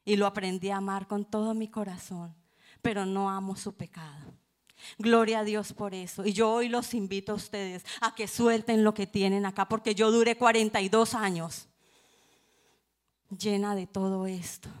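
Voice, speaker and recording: A middle-aged woman giving a church testimony to a congregation, in an impassioned, preacher-like cadence with repeated phrases. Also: mid-range voice. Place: church service.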